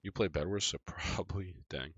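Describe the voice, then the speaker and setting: A man with a low voice gives casual, excitable commentary while he plays a game live. He talks straight to his chat between moments of play. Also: moderate pace, breathy edge, lo-fi sound. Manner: excitable, chatty, talking to chat while playing. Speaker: gaming live streamer.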